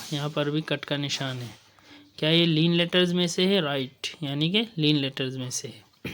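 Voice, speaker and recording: A male Quran reading teacher explaining a lesson on screen, drilling syllables slowly and deliberately and mixing in English terms. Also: fairly high pitch, a bit bright.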